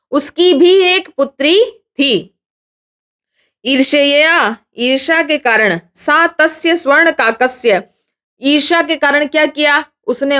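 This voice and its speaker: Woman teacher, high voice; goes through a textbook lesson line by line and questions her students often. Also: fairly bright tone. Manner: explains line by line, often asking the class questions. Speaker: Sanskrit teacher.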